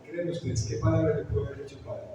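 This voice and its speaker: Pastor in an echoey church hall. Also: male voice, a little high, level tone, quick pace, lo-fi sound, background noise. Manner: storytelling with questions to the congregation. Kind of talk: sermon. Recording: echoey hall, picked up from far off.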